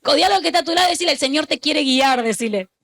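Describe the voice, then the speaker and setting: A high-pitched woman delivers a sermon as pastor. She exhorts her congregation, repeating key lines so they echo them back. She slips into animated storytelling as she preaches. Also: very fast, vocal fry.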